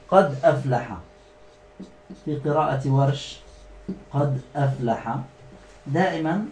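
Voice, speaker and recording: A male teacher leading a classroom lesson, repeating words slowly and quizzing his students. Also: on the high side, darkish tone, reverberant.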